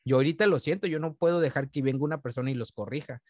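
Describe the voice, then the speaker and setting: A man's voice: mid-range voice, rapid-fire, a little mellow, dry recording. A man in his thirties talking in an earnest, rambling way with many restarts, co-hosting a casual faith podcast. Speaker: podcast co-host.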